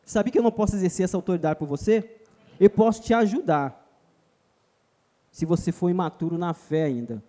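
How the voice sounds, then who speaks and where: Very high-voiced Brazilian man preaching. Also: lively intonation, fairly quick, long pauses, warm tone. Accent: Brazilian Portuguese. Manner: emphatic, keeps addressing listeners as brother. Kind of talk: sermon. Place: church retreat.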